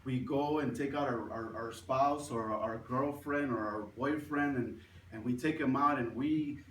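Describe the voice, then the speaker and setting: A man's voice: medium pitch, measured pace, slight background noise. A man in his forties giving an earnest prepared speech at a club meeting, often repeating words as he goes. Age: 40s. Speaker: club speaker. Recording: echoey room, mic far off.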